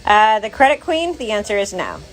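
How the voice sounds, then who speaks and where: A woman's voice: mid-range voice, very animated, a little fast, rough recording. A young woman co-hosting a casual livestream, reading out chat comments in a chatty, blunt, teasing way.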